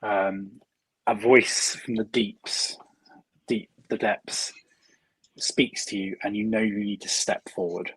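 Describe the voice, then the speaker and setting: A man's voice: fairly low pitch, fairly even intonation, slow, a bit bright, slightly rough, no room sound, low-quality recording. A man narrating as dungeon master in a casual, hesitant way, full of "um" and "sort of". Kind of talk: narrating a tabletop game.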